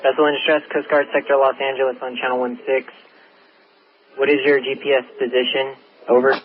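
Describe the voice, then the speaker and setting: A man working as a Coast Guard radio operator, heard over a marine VHF radio channel, hailing a vessel with formal call procedure. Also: medium pitch. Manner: steady, measured, repetitive hailing. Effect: marine VHF radio transmission. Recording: tinny radio channel with faint static.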